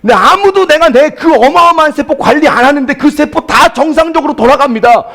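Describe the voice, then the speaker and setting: A male pastor preaching a sermon, shifting between soft storytelling and loud, emphatic exclamations, asking the congregation rhetorical questions. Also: extremely high pitch, a little fast. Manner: addresses congregation directly, asks rhetorical questions.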